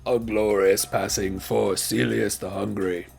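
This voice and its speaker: A man's voice: lowish voice, level tone, measured pace, gravelly, darkish tone, faint music behind. A man voicing a grand arena announcer, proclaiming theatrically like a fighting game announcer in a tabletop game. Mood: grandly solemn.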